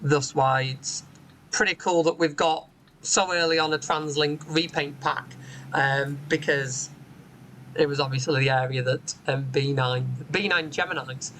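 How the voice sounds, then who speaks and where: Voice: medium pitch, fairly even intonation, unhurried, fairly bright tone, slight background noise, rough recording. A bus simulator channel host giving casual gameplay commentary from home, chatty and explanatory, with frequent "um" fillers. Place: home room with a window onto a street.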